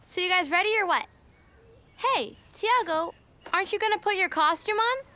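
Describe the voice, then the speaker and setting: A high-pitched child storyteller. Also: moderate pace, heavily acted. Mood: bossy, exasperated. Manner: expressive, dramatic reading to small kids. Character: bossy older girl telling storybook tale to younger kids. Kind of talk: animated storytelling to young children. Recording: music behind the voice.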